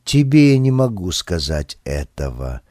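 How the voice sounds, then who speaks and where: A man reading an audiobook, voicing a calm tree-man who foretells people's fates in a measured, low voice. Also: no room sound, clean studio sound, exaggerated voice. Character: calm suffering male tree-man prophet.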